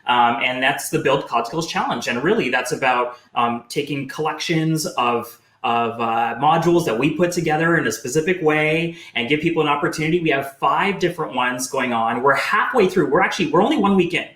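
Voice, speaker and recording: A man's voice: fairly high pitch, fairly quick, few pauses, a bit bright. A man co-hosting a live show, talking in a chatty, encouraging way with lots of fillers and restarts. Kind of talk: casual live-show chat. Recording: echoey room.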